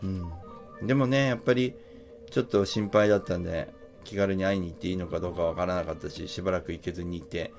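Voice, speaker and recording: A man's voice: sits low, fairly even intonation, fast, vocal fry, a little mellow, soft background music. A middle-aged man, a musician, telling a travel story in a chatty, casual way, with many fillers and acted-out quotes.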